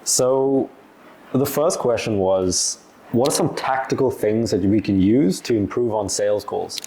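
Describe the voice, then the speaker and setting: Young male business vlogger, twenties, warm relaxed tone, easygoing, filler-heavy delivery. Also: lowish voice, measured pace, slight background noise. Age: 20s. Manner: loose and chatty, lots of "like", acts out little dialogues. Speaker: agency owner giving business advice. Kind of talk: casual talking-head Q&A.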